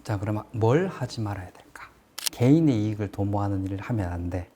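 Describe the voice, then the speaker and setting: A man's voice: fairly low pitch, expressive, brisk, dark tone, slight background noise. A man giving a casual explanatory lecture on construction management, plain-spoken and asking rhetorical questions as he teaches.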